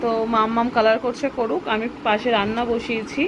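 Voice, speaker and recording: High-voiced mom coaxing her kids. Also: flat delivery, brisk. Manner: coaxing and repetitive with her children, chatty aside to viewers. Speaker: mother and home vlogger. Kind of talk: casual home vlog, talking to her children and viewers. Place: at home, indoors. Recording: noisy home recording with vehicle sounds.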